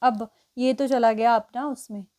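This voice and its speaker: High-voiced woman teaching chemistry. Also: steady tone, a little slow, darkish tone. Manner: explains step by step, counts positions aloud, often checks with "ठीक है". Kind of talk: exam-prep lesson at a board.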